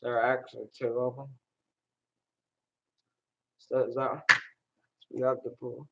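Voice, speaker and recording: The recording is dull and lo-fi. A man talks casually at a middle pitch, rambling and hesitating as he thinks aloud. His delivery is unscripted and conversational. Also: flat delivery, a little slow, gravelly, slight background noise. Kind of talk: casual chat. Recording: dull lo-fi sound.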